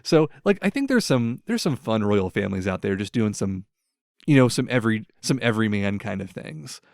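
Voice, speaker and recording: A young American man hosting a podcast rambles through casual stories heavy with fillers and "like." His lowish, creaky voice swings widely in pitch and moves fairly quickly. The studio-quality recording has no echo.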